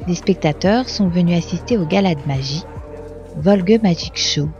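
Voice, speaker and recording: A woman narrates a report from a script. Her voice is mellow and on the low side. The recording is somewhat dull, with faint music underneath. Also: moderate pace. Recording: dull lo-fi voice-over.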